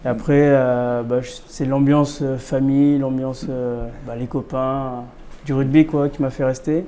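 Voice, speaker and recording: A man's voice: medium pitch, flat delivery, normal speed, dark tone, slight background noise. A young man in his twenties, a rugby player, talking casually as a radio guest and using lots of filler words. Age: 20s. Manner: casual, filler-heavy speech.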